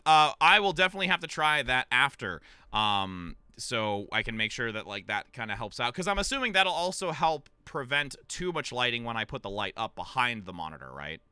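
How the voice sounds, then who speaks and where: Male streamer, bright tone, lively swinging pitch, hyped play-by-play, a bit tired. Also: clean tone, dry recording. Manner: hyped, chatty, reads chat aloud. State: tired, yawning. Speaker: streamer and self-commentator. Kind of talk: live game stream commentary.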